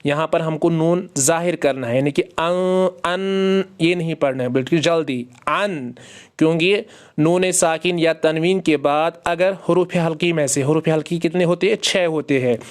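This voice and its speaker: A man teaching Quran reading, spelling each word out slowly letter by letter and stopping to explain the rules, asking questions and answering them himself. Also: fairly high pitch, clean tone. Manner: slow drawn-out spelling with quick explanations in between.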